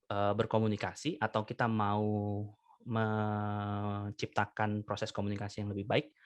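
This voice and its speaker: A man in his thirties, a lecturer and doctoral student, explaining ideas in a measured, lecturing way with many fillers. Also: lowish voice, completely flat delivery, dry recording. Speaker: guest, communication lecturer and PhD candidate. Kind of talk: explanatory interview talk.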